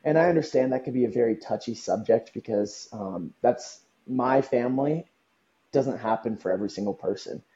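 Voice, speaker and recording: Earnest young man, dark dull sound. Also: mid-range voice, moderate pace. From Southern California. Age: young adult. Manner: earnest, reflective, many ums. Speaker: guest. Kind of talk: podcast interview. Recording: dull lo-fi audio.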